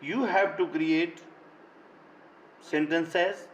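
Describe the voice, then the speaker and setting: A middle-aged Indian-accented male teacher talks a class through a grammar lesson. He speaks very slowly, in deliberate dictation-like phrases, and his voice sits a little high for a man. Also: steady tone, a little hiss or hum, low-quality recording. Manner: slow, deliberate, dictation-like; switches between English and Hindi. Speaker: school teacher.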